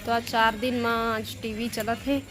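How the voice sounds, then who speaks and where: A woman with a fairly high voice and a Chhattisgarhi accent talks casually to her viewers. She narrates small household happenings in an everyday home-vlog style. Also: little pitch movement, normal speed, a bit bright, faint music behind. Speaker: home vlogger. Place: at home in the evening.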